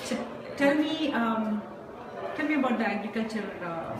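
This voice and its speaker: A woman's voice: a little high, expressive, moderate pace. A woman hosting a show, chatting and asking her guest encouraging questions. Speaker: show host. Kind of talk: interviewing a guest. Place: noisy event venue. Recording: distant mic in echoey noisy venue.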